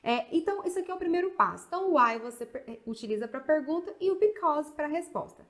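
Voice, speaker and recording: Brazilian woman, English teacher, chatty, slightly high voice, slows down on example sentences. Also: lively intonation. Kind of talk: video lesson.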